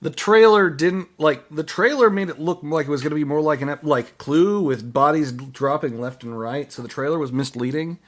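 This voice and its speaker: A man hosting a podcast, giving casual movie reviews in a halting way, often restarting and trailing off mid-phrase. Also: a little high. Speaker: podcast host.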